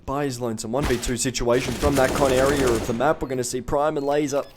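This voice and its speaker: A man calls an esports shooter match play by play, his voice sitting in an ordinary middle register. He mixes quick jokes and banter into the calls. Faint gunshots and clicks from the game run under his voice. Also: medium pitch, steady tone, noisy background. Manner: jokey, banters with a co-caster off mic. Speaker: esports caster.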